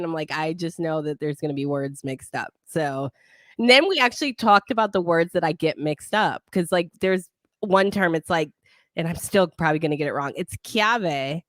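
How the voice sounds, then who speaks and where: A woman's voice: lowish voice, fast talker, fairly bright tone, no echo. Podcast host, woman, native Italian speaker; bubbly, casual, dry close sound. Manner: bubbly, laughs often. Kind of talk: casual chat.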